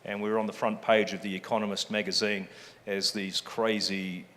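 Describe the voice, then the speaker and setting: Speaking at normal speed in a lowish, slightly bright voice with little pitch movement, a fund chief executive from New Zealand addresses a public forum panel. He's jokey and self-mocking, with lots of ums, and the large event hall gives a long reverb.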